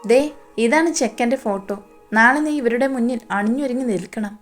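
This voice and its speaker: A scornful, scheming middle-aged stepmother, as a woman storyteller puts her on, barking orders in a harsh and bossy way. The voice sits a little high, and soft music plays behind it in this audio story. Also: fairly quick, lightly acted.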